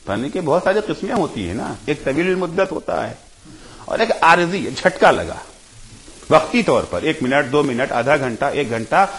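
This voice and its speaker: A man delivering an impassioned majlis sermon in a high voice that swings widely in pitch. He asks rhetorical questions, bursts into shouts, then drops low and soft. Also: very animated, poor audio. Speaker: Shia cleric giving a majlis.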